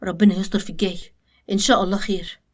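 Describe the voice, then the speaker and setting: A woman with an Egyptian accent voicing a tired young woman complaining of her hard life, in an animated story. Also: mid-range voice, racing, close to an everyday voice. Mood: weary. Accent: Egyptian Arabic. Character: weary young woman, secretly plotting.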